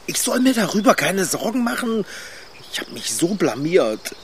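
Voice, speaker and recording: A man's voice: high-pitched, sing-song, normal speed, a little hiss or hum. A man voicing a timid, panicky character afraid of heights in a radio play, talking in an anxious, whiny way.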